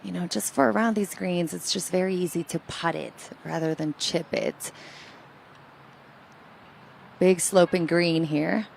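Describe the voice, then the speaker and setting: Casting: woman golf commentator, creaky lower register, explanatory, light ambient noise behind. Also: steady tone, measured pace, long pauses, a little mellow.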